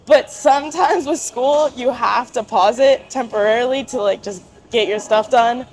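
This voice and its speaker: A young woman with a fairly high voice talks in a casual interview. Her phrasing is informal and youthful, with frequent fillers as she shares her thoughts as a guest. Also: moderate pace, a little mellow, slight background noise. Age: young adult.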